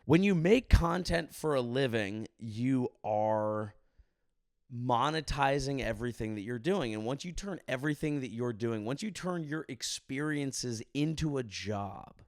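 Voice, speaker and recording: A man's voice: mid-range voice, animated, a little slow, dry recording, clean studio sound. A drunk man vlogging in a rambling, earnest monologue, swearing freely as he goes. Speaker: content creator, vlogger. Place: hotel room.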